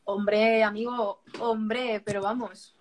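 Against crowd noise, a vegan author from Barcelona, Spain talks slowly as a podcast guest, her highish voice barely moving in pitch. She's frank and casual, frequently restarting words.

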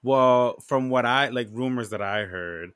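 A man's voice: mid-range voice, unhurried, clean tone, dry recording. Casual man, dry sound. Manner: slangy, expressive. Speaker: podcast co-host. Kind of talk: casual chat.

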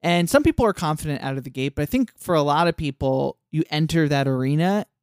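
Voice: mid-range voice, expressive, fast talker, no echo, studio quality. A podcast co-host casually recapping a cartoon episode, rambling with lots of "like" and acting out quoted lines. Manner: rambling, many "like" fillers.

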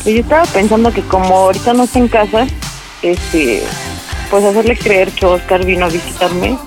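A woman's voice: mid-range voice, moderate pace, music in the background. A woman calling into a radio prank show, talking hesitantly with many fillers. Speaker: caller setting up a prank.

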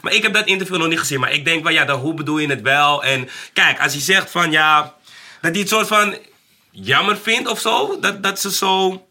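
A man's voice: a little high, normal speed, bright, forceful tone. A man on a casual podcast, talking hesitantly with many restarts and laughing easily. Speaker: podcast co-host.

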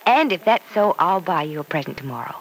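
An actress playing a kindly, reassuring aunt, gentle and indulgent, in an old-time radio soap. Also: female voice, fairly low pitch, lively intonation, fast talker. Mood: gently teasing. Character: kindly, reassuring aunt fond of a little girl. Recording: noisy vintage radio recording.

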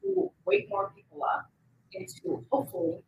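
A Colombian woman in her twenties, running for office, answers interview questions emphatically, as if giving a campaign speech. Her voice is extremely high and sing-song, at a normal speed, with some creak. The room is echoey, with faint ambience and a little hiss or hum.

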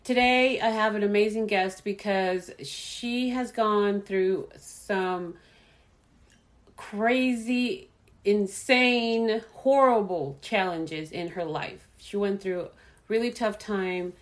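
A woman's voice: medium pitch, takes it slowly. Upbeat woman hosting an interview. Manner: upbeat, effusive introductions with frequent back-channel murmurs. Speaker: host. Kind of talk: interview host.

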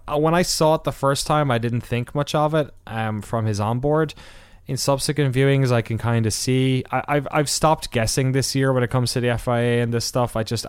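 A man's voice: mid-range voice, smooth, no room sound, clean studio sound. A man hosting a podcast, giving a casual race recap with wry asides, rambling through many fillers and restarts. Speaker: podcast host.

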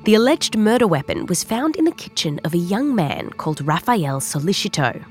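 A woman's voice: fairly low pitch, very animated, normal speed, faint music behind. A woman with an Australian accent narrating a scripted science documentary in a conversational storytelling way, leaning on key words. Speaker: host and narrator.

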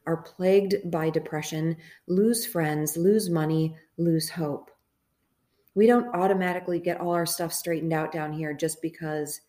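A woman's voice: on the low side, a little mellow. A woman hosting a podcast, reading an excerpt from her own novel in an intimate, earnest way. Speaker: podcast host.

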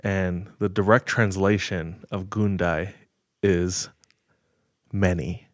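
Podcast host type: man with a low voice, slow and measured, dry close mic. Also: steady tone, no room sound. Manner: measured, retelling with filler words. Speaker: podcast host telling a story. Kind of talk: casual storytelling chat.

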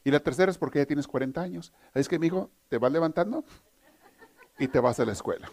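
Raised-pitch nagging mom, put on by a preacher, firm and coaxing. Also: male voice, fast, darkish tone. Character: nagging mother rousing her grown son.

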